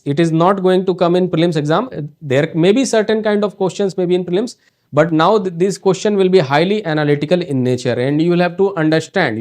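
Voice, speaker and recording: In accented English, a North Indian man teaching at a coaching center covers exam topics in an online prep lecture. He talks haltingly, constantly restarting and using fillers, his darkish voice pitched somewhat high for a man.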